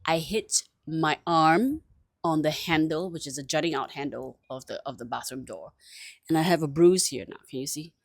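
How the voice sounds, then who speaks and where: A woman vlogging in a casual, animated chat, often laughing and poking fun at herself. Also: low-pitched, normal speed, creaky, dry recording, studio quality. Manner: animated, chatty, laughing often, self-mocking.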